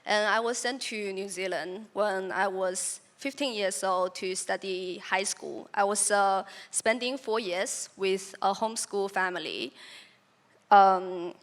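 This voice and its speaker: A woman's voice: mid-range voice, steady tone, slow. A young woman from China, a native Chinese speaker, giving a prepared talk about her photography in an earnest, reflective way with occasional restarts.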